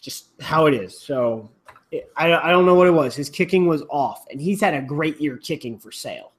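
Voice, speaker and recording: A man's voice: a little high, animated, normal speed. A man hosting a casual chat, rambling with restarts and the odd swear. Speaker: rugby podcast host.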